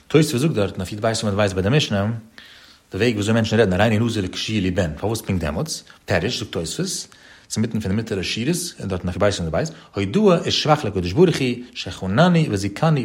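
Man in a singsong study lecture. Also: mid-range voice. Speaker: religious study teacher.

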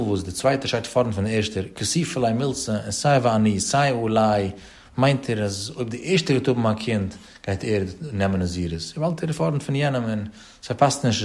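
A man's voice: fairly low pitch, a little mellow. A man teaching a traditional religious text, speaking in a singsong study cadence with rising and falling phrases.

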